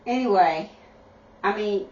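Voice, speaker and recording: Middle-aged woman vlogger, unhurried chatty delivery, roomy dull sound from a distant camera. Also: medium pitch, darkish tone. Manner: slow, repetitive, chatty, addresses viewers as y'all. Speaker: vlogger, mother. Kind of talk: casual direct-to-camera talk.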